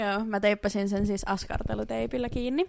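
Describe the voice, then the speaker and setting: A woman's voice: mid-range voice, fairly even intonation, gravelly, darkish tone. A young woman co-hosting a podcast in laid-back casual chat, laughing easily, recorded in a home studio. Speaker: podcast co-host.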